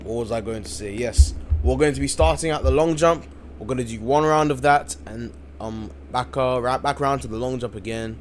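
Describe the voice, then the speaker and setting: A man with a mid-range voice commentates a live-streamed game event late at night from his home in the UK, with slight background noise. He sounds tired but hyped, repeats himself a lot, and keeps saying "you guys."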